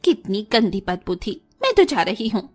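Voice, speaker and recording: A woman's voice: medium pitch, very animated, moderate pace, darkish tone, faint music behind. A woman voicing a spiteful, arrogant young sister-in-law in a cartoon story, talking in a sneering, taunting way. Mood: bossy.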